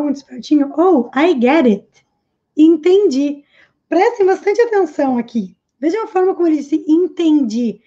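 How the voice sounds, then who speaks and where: A Portuguese-speaking woman teaching English in a live lesson, explaining phrases and repeating them slowly. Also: sits high, warm tone, lo-fi sound.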